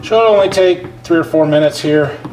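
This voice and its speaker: A man's voice: on the high side, normal speed, a little mellow. A man talking casually like a home cooking show host, explaining each step in a folksy way as he works in a kitchen. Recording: clear background noise, kitchen clatter.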